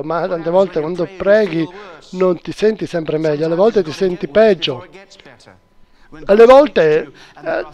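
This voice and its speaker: Man, preacher, high-pitched voice, earnest, emphatic sermon delivery. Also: darkish tone. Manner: earnest, emphatic, direct address.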